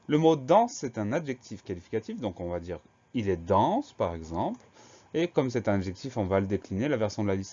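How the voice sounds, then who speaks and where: A man teaching a spelling lesson to schoolchildren, spelling words out letter by letter in a slow, careful way. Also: lowish voice, darkish tone. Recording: slightly dull lo-fi sound.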